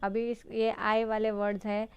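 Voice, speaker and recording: A woman's voice: on the high side, flat delivery, normal speed, clear, resonant tone, lo-fi sound. A woman hosting a phonics lesson for parents, spelling words out letter by letter. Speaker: teacher and channel host.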